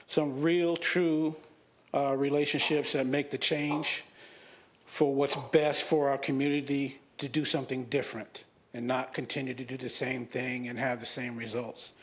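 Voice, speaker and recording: A man speaking earnestly and plainly about his community during public comment at a council meeting. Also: mid-range voice. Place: city council chamber.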